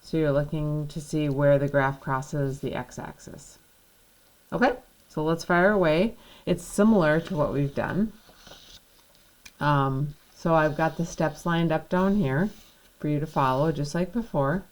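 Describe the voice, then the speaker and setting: A woman's voice: sits low, a little slow, poor audio. A woman teaching a math lesson, patiently walking through each step and checking in with the class.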